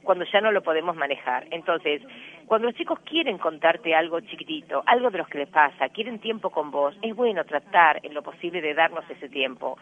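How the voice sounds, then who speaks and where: A man with a Rioplatense Spanish accent and a notably high-pitched voice explains parenting ideas in an earnest, lecturing way. He is a radio interview guest, heard over a thin, tinny phone line. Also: expressive, fairly quick.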